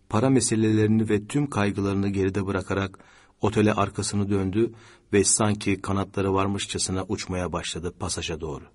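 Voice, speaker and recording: A man narrating a literary audiobook in a measured, steady way, with a husky voice. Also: deep voice.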